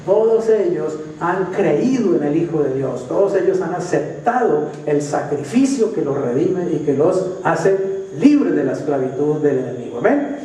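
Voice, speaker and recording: A man's voice: on the high side, big pitch swings, a little slow, warm tone. A male pastor preaching a sermon, emphatic and stretching out key phrases. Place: church hall. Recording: echoey church hall from far off.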